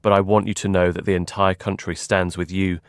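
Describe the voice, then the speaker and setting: A man working as a live interpreter, voicing a formal speech in a measured, solemn delivery. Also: low voice, little pitch movement, clear, resonant tone, no echo, studio quality. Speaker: simultaneous interpreter.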